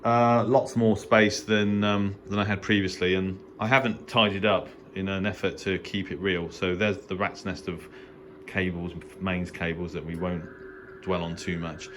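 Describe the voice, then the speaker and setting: In his home radio shack, a middle-aged Englishman with a very low voice gives a casual, unscripted video tour like a hobbyist, understated and rambling with frequent hesitations and trailing asides. He keeps a steady tone at a moderate pace, and the recording carries clearly audible background noise.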